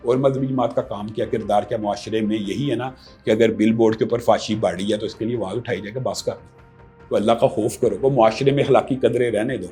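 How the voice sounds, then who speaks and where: A man's voice: on the low side, steady tone, warm tone, soft background music. A man from Pakistan, a religious scholar answering interview questions emphatically and often asking rhetorical questions.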